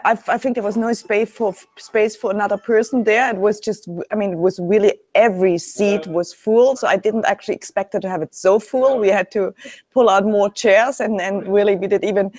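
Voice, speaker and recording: A woman on a live panel talking enthusiastically, halting and restarting her sentences. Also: mid-range voice, darkish tone. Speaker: panel co-host. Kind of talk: casual chat.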